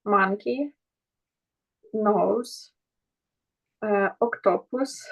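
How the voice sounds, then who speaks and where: Slow, gravelly woman student on a call. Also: mid-range voice, fairly bright tone. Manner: slow, hesitant, careful. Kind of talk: reading words aloud in class. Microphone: video call. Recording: dull lo-fi video call audio.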